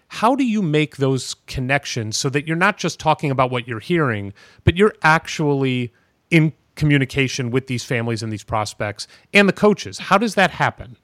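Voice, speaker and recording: A man's voice: fairly high pitch, sing-song, moderate pace, a bit bright, no echo, clean studio sound. A man hosting a podcast interview, asking long, winding questions in a casual, conversational way. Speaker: podcast host.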